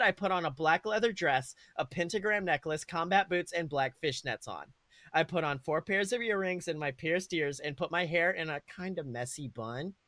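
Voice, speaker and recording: A podcast co-host with a fairly high, sharp-toned voice, recorded with no echo, reads a story aloud. It's a comic dramatic read-aloud of fan fiction, delivered in a theatrical, mock-earnest way.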